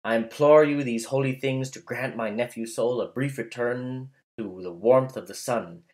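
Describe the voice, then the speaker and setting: A man's voice: medium pitch, lightly acted. A man reading as an old man pleading for vengeance. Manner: impassioned pleading oratory. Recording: roomy echo.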